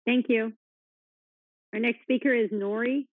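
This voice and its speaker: A woman chairing a board meeting, briskly and politely calling the next speakers, heard over a tinny phone-like line. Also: fairly high pitch, steady tone, no echo. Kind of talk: procedural announcements.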